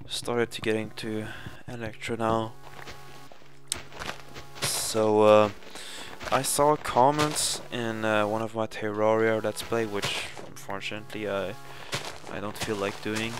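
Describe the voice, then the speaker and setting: A man's voice: lowish voice, steady tone, slow pace, noisy background. A young man from Sweden with a Swedish accent, narrating a casual game playthrough with many fillers and self-corrections. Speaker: gaming channel host. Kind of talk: casual Let's Play commentary. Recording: game music playing behind.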